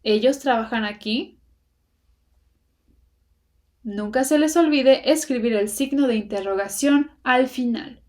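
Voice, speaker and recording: Patient, slow-talking woman teaching grammar. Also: a little high, a little mellow. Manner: slow, careful enunciation of English example sentences; patient step-by-step explaining. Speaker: English teacher. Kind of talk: Spanish-language English grammar lesson.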